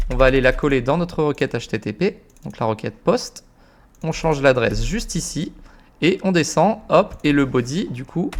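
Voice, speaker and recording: A young man explaining a software automation setup step by step in a casual, informal way, with frequent fillers and slang. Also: a little high. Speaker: automation tutorial creator. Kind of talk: casual screen-recorded tutorial.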